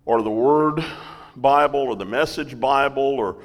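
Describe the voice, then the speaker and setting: A man's voice: medium pitch, big-room sound. A man teaching a Bible lesson, checking in with the class by asking "right?" and "okay?". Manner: slow, with frequent "right?" and "okay?" check-ins.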